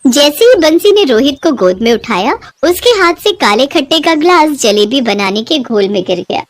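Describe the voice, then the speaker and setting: A woman narrating a children's moral story in clear, expressive storytelling. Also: sits high, moderate pace, no echo.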